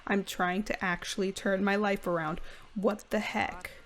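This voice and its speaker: A woman's voice: medium pitch, little pitch movement, measured pace, slight background noise, close to an everyday voice. A woman voicing a defensive young woman sim in a life-simulation game, a former villain pleading that she has changed.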